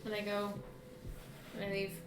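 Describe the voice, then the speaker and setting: A woman's voice: mid-range voice, monotone, normal speed, far from the mic, background noise. A woman playing in a tabletop game, cheerfully describing what her character does. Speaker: player. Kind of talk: tabletop role-play chat. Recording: roomy sound with music behind.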